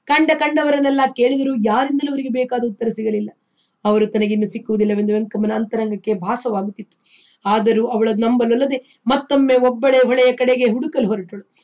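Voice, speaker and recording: A woman narrating a novel as an audiobook reader, in a steady, expressive storytelling manner. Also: on the high side, a little fast. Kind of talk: scripted literary narration.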